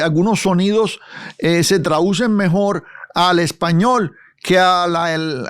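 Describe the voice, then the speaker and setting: A man, a pastor, teaching a live Bible study lesson, unhurried, full of hesitation fillers and self-corrections, speaking directly and formally to his viewers. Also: high voice.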